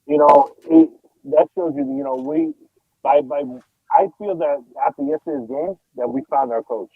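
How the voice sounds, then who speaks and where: A man's voice: fairly high pitch, huge pitch swings, normal speed, creaky, breathy edge, no echo. A man arguing about football on a remote call, his voice muffled as if through a wall, repeating and restarting his phrases. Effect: muffled, as if heard through a wall. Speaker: sports talk panelist. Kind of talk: casual sports debate. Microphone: earbuds on a remote call. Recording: muffled tinny phone-like line.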